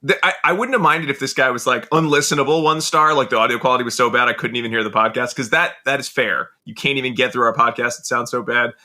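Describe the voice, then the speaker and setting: A man's voice: mid-range voice, fast, few pauses. A man co-hosting a podcast in casual chat, with an enthusiastic, jokey delivery. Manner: animated, self-described enthusiastic, jokey delivery. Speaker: podcast co-host.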